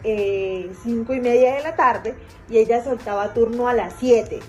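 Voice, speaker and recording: A woman's voice: a little high, measured pace, highs cut off, soft background music. A woman telling a personal story in a casual monologue. She rambles, repeats herself and uses many fillers.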